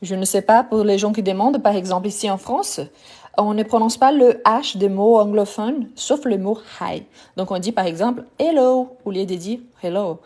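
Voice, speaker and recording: A woman's voice: medium pitch, normal speed, darkish tone. A woman teaching a live online French lesson, patiently repeating each word to drill pronunciation and speaking directly to her viewers.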